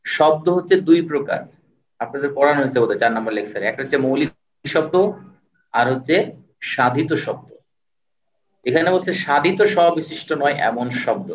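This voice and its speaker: A man teaching an online class, patiently repeating words and sounding them out slowly. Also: medium pitch. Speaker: online tutor. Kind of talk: live online lecture. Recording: roomy, distant, dull sound.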